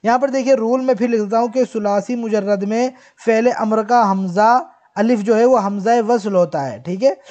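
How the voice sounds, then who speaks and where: Mellow-voiced male grammar teacher. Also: high-pitched, normal speed, dull audio. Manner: patient explaining, checks in with "theek hai". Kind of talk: recorded online lesson.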